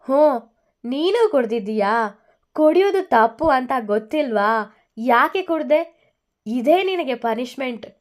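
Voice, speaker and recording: A woman's voice: high voice, animated, measured pace, pauses often, voice pushed up. A woman voicing a stubborn young wife who snaps and scolds. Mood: tipsy scolding.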